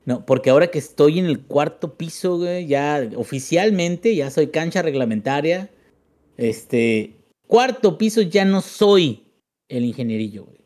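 A man's voice: a little high, lively intonation, a little slow, a little mellow. A man around forty with a Mexican Spanish accent, co-hosting a podcast with crude jokes. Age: 40s. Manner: crude joking. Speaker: podcast co-host. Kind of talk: casual banter.

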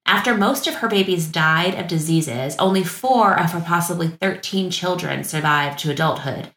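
A woman's voice: fairly low pitch, moderate pace, a bit bright, reverberant, rough recording. A woman co-hosting a podcast, reading facts from her notes in a casual chat and laughing easily. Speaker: podcast co-host.

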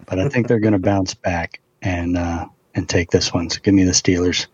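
A man co-hosting a casual sports podcast over a muffled remote call, talking in a measured way, running through facts with fillers. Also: sits low, fairly even intonation, breathy edge, dry recording. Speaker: podcast co-host.

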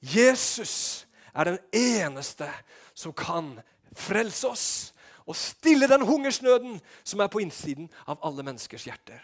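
A man preaching a sermon with fervor, often shouting and then dropping to a hush. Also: sits high, very animated. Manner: fervent, often shouting, with swings between loud and hushed.

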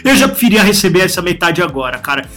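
A man, chatting casually as a podcast co-host and telling animated, slangy jokes. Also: high-pitched, fast talker, faint music behind. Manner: animated joking storyteller, heavy slang. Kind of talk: casual chat.

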